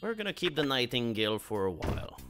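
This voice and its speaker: A man's voice: medium pitch, very animated, fast talker, a bit bright, soft background music. A man giving casual, joking, sweary commentary on a video game playthrough. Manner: jokey, irreverent, sweary.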